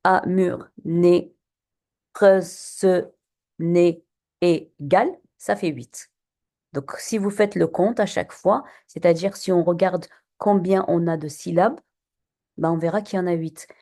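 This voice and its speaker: A woman's voice: lowish voice, moderate pace, dark tone. A woman teacher giving a classroom lesson on poetry, patient and questioning, with many fillers and restarts.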